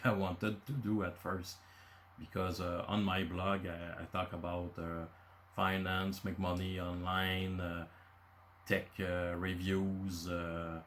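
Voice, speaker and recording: This channel host is a deep-voiced man in his fifties from Quebec City, Canada, a native French speaker whose Quebecois accent colors his casual talk. He works from bullet points, dropping in many filler uhs, over a little hiss or hum.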